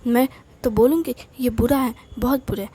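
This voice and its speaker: A woman's voice: a little high, fairly even intonation, normal speed, dark tone, breathy edge. A woman playing a pouty little sister. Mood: complaining. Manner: pouty, complaining. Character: cheeky young girl, quarrelsome little sister.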